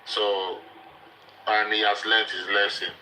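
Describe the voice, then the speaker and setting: A man giving measured, hesitant commentary as a panelist in a live discussion. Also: on the low side, little pitch movement, bright, forceful tone, rough recording. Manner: hesitant, halting, deliberate. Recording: faint background noise on live call.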